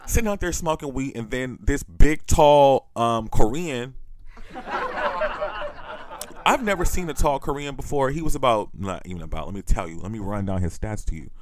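A man's voice: medium pitch, fairly quick, hardly any pauses, noisy background. A man from Washington, D.C. hosting a podcast, telling a crude story with candid, comic storytelling and frequent laughter. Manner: crude, laughs often, chatty. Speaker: podcast host. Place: studio.

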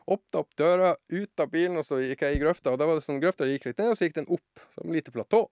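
A man telling a funny story as a podcast guest, acting out voices and shouting some lines. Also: on the high side, no echo, clean studio sound. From southern Norway. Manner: animated anecdote-teller, acts out voices and shouts. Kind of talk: casual storytelling.

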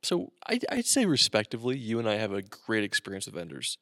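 A man with a low, gravelly voice chats casually as a podcast co-host. He jokes around and rambles with plenty of fillers. The sound is dry and close, with no room echo. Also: huge pitch swings, quick pace, fairly bright tone. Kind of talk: casual chat.

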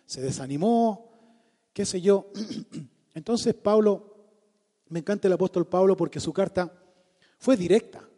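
A man's voice: sits high, unhurried, long pauses, mellow. A man with a Chilean accent preaching a sermon, using rhetorical questions and emphatic repetition. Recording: long hall reverb.

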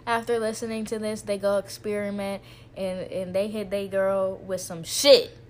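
A woman's voice: mid-range voice, level tone, moderate pace. A woman co-hosting a casual, frank chat. She talks bluntly, laughs often and stretches out words for emphasis. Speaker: podcast co-host.

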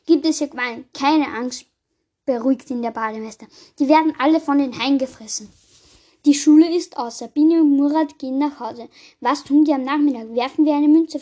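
Woman host, high voice, reads joke collections aloud, casual, a few stumbles. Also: a little mellow. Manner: reads jokes with small slips and asides. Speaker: podcast host. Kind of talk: reading jokes aloud.

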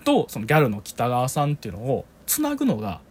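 Animated Kansai man telling a story. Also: fast, slightly rough. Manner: animated storyteller, laughs often, lively rising pitch. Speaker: podcast co-host. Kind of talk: casual chat with his brother.

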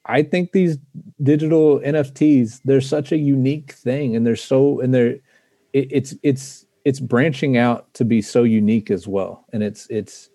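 A man's voice: medium pitch, fairly even intonation, a little slow, mellow, no room sound. A man being interviewed as a guest on a casual podcast, often restarting and repeating words as he thinks. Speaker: guest, trading card company representative.

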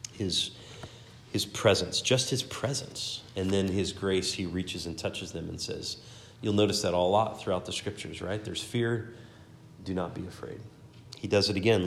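A man's voice: fairly low pitch, a little hiss or hum. A man teaching a Sunday school class, reading scripture aloud with earnest emphasis and often repeating words as he searches for phrasing. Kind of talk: Bible teaching.

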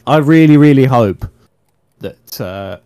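A man's voice: mid-range voice, lively intonation, slow, dark tone, clear, resonant tone, no echo. A man co-hosting a motorsport podcast, chatting casually with frequent hesitations. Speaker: podcast co-host. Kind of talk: casual chat.

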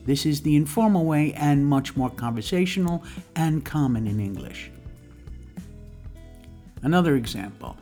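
A teacher giving a scripted English grammar lesson in a deliberate, didactic way, dictating example sentences with the punctuation spoken aloud. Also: mid-range voice, lively intonation, warm tone, faint music behind. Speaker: English teacher, podcast host.

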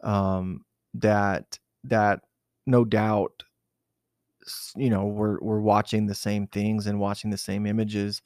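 A man's voice: fairly low pitch, level tone, slow, darkish tone, no room sound, clean studio sound. A man from southern Arizona recalling a personal memory in an unscripted interview, hesitant and reflective, with many fillers and restarts. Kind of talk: unscripted oral-history recollection.

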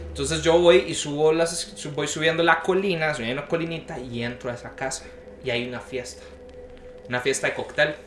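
A man's voice: a little high, a little fast, a little hiss or hum. A young man, telling a story in casual chat and acting out the voices he quotes. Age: young adult. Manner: animated, acts out the voices he quotes. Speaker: podcast guest telling a story. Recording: roomy echo.

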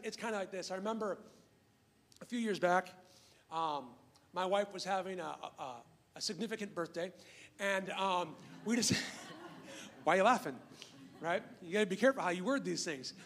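A middle-aged male pastor with a notably high voice, preaching in a loose, conversational way. He stumbles into restarts and throws asides to the congregation as he goes. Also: a bit bright. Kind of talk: sermon.

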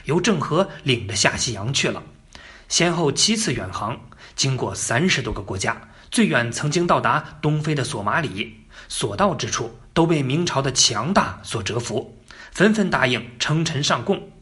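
Lively, chatty male storyteller. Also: mid-range voice, moderate pace. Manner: lively, colloquial and joking asides to the listener. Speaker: narrator. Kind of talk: casual history storytelling.

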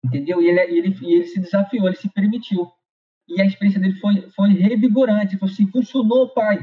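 Middle-aged paulista man, high voice, motivational speaker, casual repetitive delivery, lo-fi recording. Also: fast. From São Paulo, Brazil. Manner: conversational, repeats phrases and tags with "né". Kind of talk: motivational talk with personal anecdote. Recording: slightly dull lo-fi recording.

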